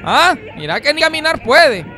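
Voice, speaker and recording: A man's voice: very high-pitched, big pitch swings, normal speed, bright, forceful tone. A man with a Nicaraguan accent giving teasing, mocking comic commentary. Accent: Nicaraguan Spanish. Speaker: comedy radio performer.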